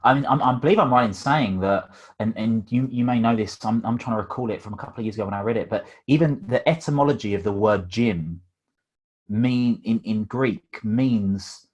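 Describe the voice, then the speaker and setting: A man's voice: lowish voice, a little fast, darkish tone, husky. A man hosting a podcast interview, asking questions in a pragmatic, chatty way with many fillers and restarts. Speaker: podcast host and coach.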